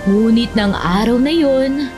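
Woman, storyteller, scripted children's narration, slightly high pitch, background music. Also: slow pace.

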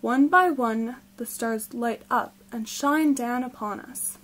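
A woman reading aloud, voicing a gentle, loving mother raccoon who speaks in a warm, soothing, motherly way. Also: a little high, slow.

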